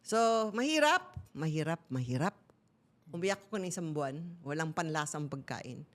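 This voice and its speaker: A woman's voice: low voice, lively intonation, normal speed. A middle-aged woman candidly telling a personal story on a talk show, switching between Tagalog and English. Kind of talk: casual talk-show chat.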